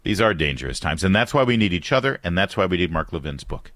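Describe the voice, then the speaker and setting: This talk radio host from Detroit has a low voice and a quick pace, recorded in studio quality with no room sound. He's animated and mocking as he rants about his opponents, then moves on to call-ins.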